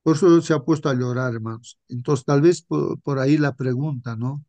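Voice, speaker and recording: Man, Bible study leader, gravelly voice, informal preaching full of rhetorical tags, dry close sound. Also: mid-range voice, moderate pace, warm tone, no echo. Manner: rhetorical, repeats 'hermanos' and '¿no?'.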